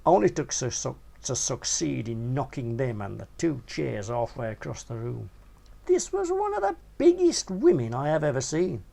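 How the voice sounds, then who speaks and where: At normal speed and with vocal fry, a man reads aloud a crude short story he wrote in the first person. His narration is casual and slangy, with animated swings in pitch.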